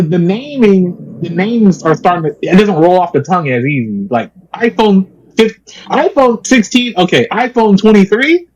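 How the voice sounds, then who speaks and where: A man's voice: high voice, a little mellow, lo-fi sound. A man co-hosting a podcast, explaining news stories in casual chat and joking around. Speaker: podcast co-host.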